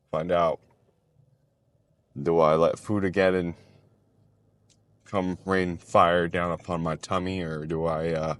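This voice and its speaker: A man's voice: sits low, dry recording. A man chatting loosely in a casual vlog while driving, rambling with lots of fillers. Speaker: vlogger. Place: in a car, driving.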